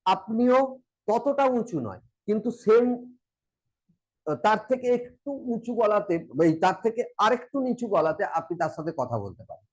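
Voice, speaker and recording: A man's voice: high voice, big pitch swings, normal speed, darkish tone, poor audio. A man with a Bengali accent teaching a coaching lesson, acting out short example conversations as he explains. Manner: explains with acted example dialogues. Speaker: mental wellness coach.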